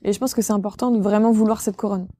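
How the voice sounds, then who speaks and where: A woman's voice: mid-range voice, steady tone, quick pace, warm tone. A young woman from Normandy answering interview questions casually, hesitating with many fillers. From Normandy, France. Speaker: interviewed regional beauty queen.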